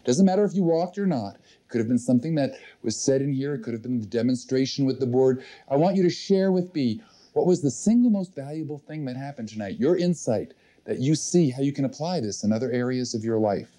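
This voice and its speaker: A man leading a live motivational seminar, giving slow, emphatic instructions and repeating key phrases. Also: mid-range voice, animated, mellow. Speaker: firewalking seminar leader.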